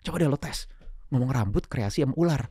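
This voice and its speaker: A man's voice: mid-range voice, animated, fast, mellow, breathy edge, no room sound, studio quality. A man talking casually as a coach in an interview, explaining with examples and slipping in English words. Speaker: public speaking coach and guest.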